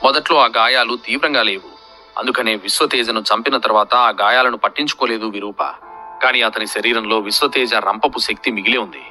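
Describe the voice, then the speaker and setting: A man narrating a fantasy serial in a steady, dramatic storytelling manner. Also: mid-range voice, brisk, faint music behind.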